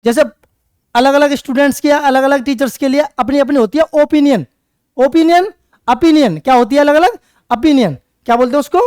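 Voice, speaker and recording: High-voiced male teacher drilling basics. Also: brisk, darkish tone, no echo. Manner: repetitive call-and-response drilling; writes on a board while explaining. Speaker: English teacher. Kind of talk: exam-prep classroom lecture.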